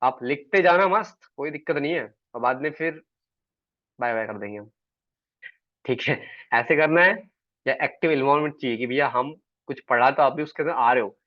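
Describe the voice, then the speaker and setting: In dull, dry online call audio, a man teaches a sales class at normal speed and medium pitch. He's chatty and keeps checking in with his students.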